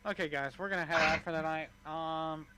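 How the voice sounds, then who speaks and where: A man's voice: a little high, fairly even intonation, fairly quick, a crowd in the background, rough recording. A man hosting a casual group chat on a call, joking and teasing his friends. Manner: joking, teasing, playfully counting aloud. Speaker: host.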